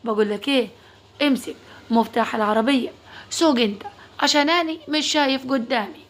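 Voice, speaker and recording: A woman's voice: sits high, a little fast, natural voice. A woman voicing a protective young male doctor with an Upper Egyptian accent, firm and caringly insistent.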